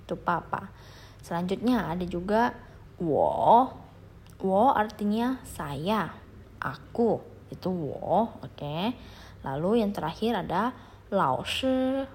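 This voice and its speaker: A woman's voice: mid-range voice, expressive, slow, breathy edge. A young adult woman teaching a patient beginner language lesson, leading listeners through repetition drills. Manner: patient, repeats drills, asks listeners to follow along.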